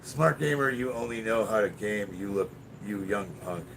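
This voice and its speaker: A man with a raspy, smoker-like voice chatting casually and bluntly on a livestream about his workout, swearing and bantering with commenters. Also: on the low side, moderate pace. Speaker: livestreamer lifting weights. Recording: distant mic with loud background noise.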